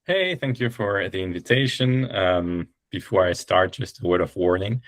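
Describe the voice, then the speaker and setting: A man with a slightly rusty, bronchitic voice giving an informal conference recap, in halting phrases. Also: low-pitched, dry recording. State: recovering from bronchitis. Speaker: guest speaker. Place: indoors on an online call.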